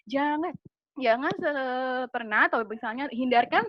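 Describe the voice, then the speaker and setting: A woman's voice: high voice, measured pace, background noise. A woman presenting a casual webinar lesson, chatty, asking the audience questions and laughing at her own jokes, on a computer mic. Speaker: webinar presenter on Japanese culture. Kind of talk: casual lecture with slides. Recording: dry, slightly dull webinar audio.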